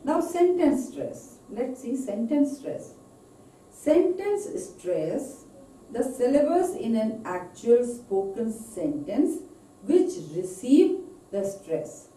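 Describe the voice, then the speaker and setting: A woman with an Indian English accent teaching English pronunciation in a recorded lecture, slowly stretching out example words. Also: on the high side, big pitch swings, warm tone, distant mic. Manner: slow, deliberate, drawn-out example words. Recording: echoey room, voice off-mic.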